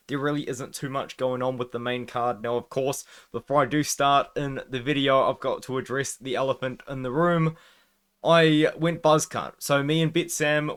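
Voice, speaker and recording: A man's voice: mid-range voice, a bit bright, clear, resonant tone. A man with a mid-range voice talks through a fight preview in a casual, conversational way. He has a slight lisp, the sound of someone wearing a retainer he is not used to. He often qualifies his opinions as he goes. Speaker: MMA fight prediction host.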